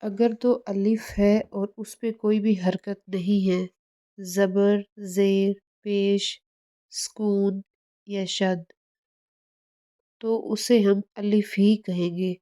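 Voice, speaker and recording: A woman teaching recitation in a slow, patient way, stopping to sound out each letter. Her voice is mellow and soft-edged. Her pitch stays level and barely rises or falls. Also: fairly even intonation. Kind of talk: tajweed lesson.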